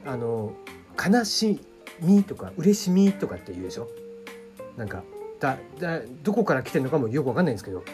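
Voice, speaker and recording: Over faint background music, a man talks fairly quickly while hosting a relaxed solo web radio show. He rambles through listener questions with lots of fillers, lively pitch swings, and a faint mixed regional lilt under standard speech.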